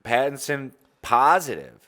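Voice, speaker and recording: A man co-hosting a casual podcast chat, rambling and joking with loud outbursts. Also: medium pitch, sing-song, measured pace. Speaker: podcast co-host.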